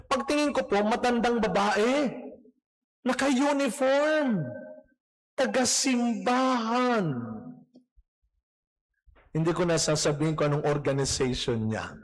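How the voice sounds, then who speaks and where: A man's voice: high-pitched, slow, pauses often. A man, a priest, giving a morning mass homily with a storytelling, humorous touch. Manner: storytelling with humorous anecdotes, mixing Tagalog and English. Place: church.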